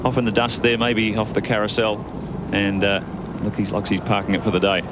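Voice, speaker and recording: A man's voice: fairly low pitch, flat delivery, fairly quick. An Australian man working as a motorsport commentator, calling a race live. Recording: loud trackside engine noise throughout. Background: racing cars and engines.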